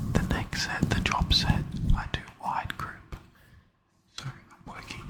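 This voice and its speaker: Man whispering ASMR right in your ear. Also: low-quality recording. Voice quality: breathy unvoiced whisper. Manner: repeats words and phrases softly. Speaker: fitness vlogger. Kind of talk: whispered ASMR gym voice-over. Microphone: close mic with fluffy cover.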